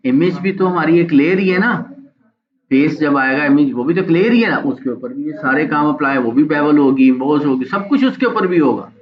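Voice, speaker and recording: A man teaching a live online graphics software class, chatty and encouraging, often checking in with his students. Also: a little high, expressive, fairly quick, lo-fi sound.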